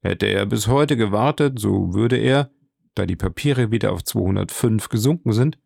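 A man's voice: on the low side, moderate pace, gravelly, a little mellow, slightly rough, no room sound, clean studio sound, full character voice. A man voicing a matter-of-fact minister's secretary in an audiobook, explaining figures plainly. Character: evasive male minister's secretary.

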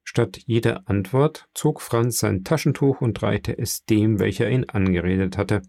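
A man reading a classic novel aloud as narrator, steady and measured, close to the microphone. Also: lowish voice, creaky, dry recording. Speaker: audiobook narrator. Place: coworking space.

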